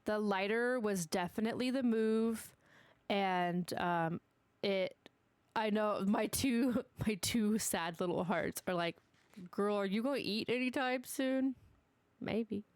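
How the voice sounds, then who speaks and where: Casual gameplay commentary from a young woman whose allergies leave her stuffy and sniffly as she builds, talking to herself and to her dog. She speaks slowly in a smooth, medium-pitched voice, with no echo.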